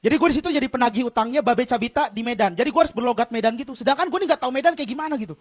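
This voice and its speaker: Male stand-up comedian, very high voice, Jakarta accent, escalating rant, exclamatory, acts out dialogue. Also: very fast. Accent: Jakarta Indonesian.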